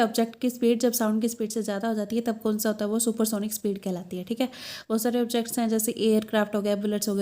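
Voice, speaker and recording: Woman teacher, higher pitch with a warm, mellow tone, lecturing step by step. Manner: explains step by step, asks herself questions, reads English definitions slowly. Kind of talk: classroom lecture.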